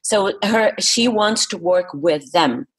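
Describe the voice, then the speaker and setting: A Brazilian woman, a native Portuguese speaker, is interviewed as a public speaking coach and talks earnestly and with emphasis. Her lowish voice is animated yet slow, with a breathy edge. The recording is rough.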